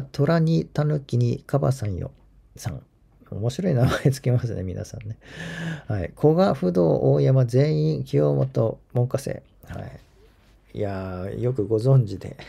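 A man with a gravelly, very dark voice and a husky edge talks in casual spoken commentary as a channel host. He rambles in a chatty way and chuckles at his own asides. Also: mid-range voice. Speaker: golf channel host reading viewer comments.

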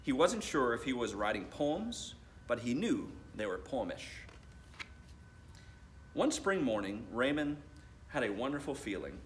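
An American school principal in his thirties reads a storybook aloud to children in a school library, phrasing things deliberately and speaking to them directly. His medium-pitched voice is sing-song, with slight background noise.

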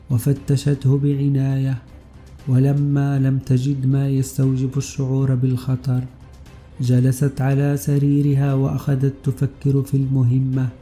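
Deep, mellow male audiobook narrator. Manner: steady storytelling delivery. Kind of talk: scripted narration.

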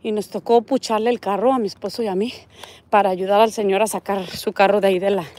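A woman's voice: medium pitch, steady tone, fast, darkish tone, a little hiss or hum. A middle-aged woman with a Mexican accent, chatting casually on a walking vlog, reading viewer comments and pointing things out, recorded on a phone outdoors on a street. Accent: Mexican Spanish. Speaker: vlogger. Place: outdoors on a residential desert street.

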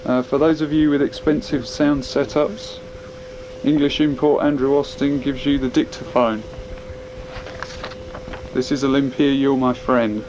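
Direct a slow man, muffled on cassette tape. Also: mid-range voice, fairly even intonation. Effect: muffled lo-fi cassette tape recording. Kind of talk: homemade songs with spoken intro. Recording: dull hissy cassette tape transfer.

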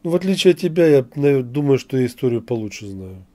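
A man's voice: mid-range voice, big pitch swings, fast talker, dark tone. A middle-aged man from Donetsk in Ukraine hosting an argumentative chat, speaking bluntly and mockingly. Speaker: live video chat host. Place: small room at home.

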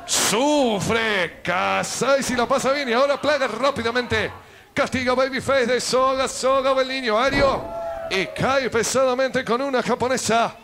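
A man with an Argentine accent calling live wrestling as an excited, emphatic play-by-play commentator who repeats his phrases. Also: very high voice. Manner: emphatic, repeats phrases, drawn-out exclamations at big moves. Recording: loud crowd and arena noise. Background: wrestling crowd in small indoor arena.

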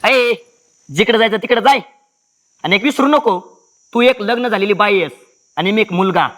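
An actor playing a callous young village lover, dismissive and mocking. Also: male voice, high voice, moderate pace, fairly bright tone.

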